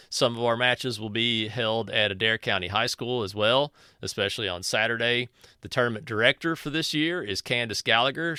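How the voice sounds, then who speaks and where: Bright, crisp-voiced man hosting a podcast. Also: medium pitch, no echo, clean studio sound. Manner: joking, folksy, loose with restarts. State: sore throat. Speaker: podcast host. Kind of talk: casual podcast chat.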